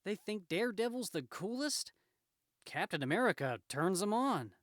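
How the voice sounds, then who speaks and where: Man acting cocky, high-pitched Spider-Man, theatrical. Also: very animated, normal speed, fairly bright tone, dry recording, studio quality. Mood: aggrieved, complaining. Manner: theatrical, quippy, exclamatory. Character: wisecracking, swinging comic-book superhero, cocky then aggrieved. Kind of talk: comic book read aloud in character.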